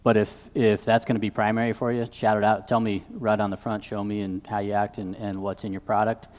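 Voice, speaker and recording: A man's voice: on the low side, level tone, a little fast, darkish tone. A man critiquing as a competition judge, with direct, emphatic advice. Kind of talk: off-the-cuff panel critique. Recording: long hall reverb.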